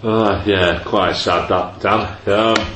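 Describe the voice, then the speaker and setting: A man's voice: lowish voice, fairly even intonation, slow, bright, forceful tone. A man with a bit of a cold hosting a casual football podcast, rambling and joking with fillers, his voice ringing with strong room echo. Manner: rambling, jokey, trails off with fillers. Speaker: podcast host. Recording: echoey room with faint noise.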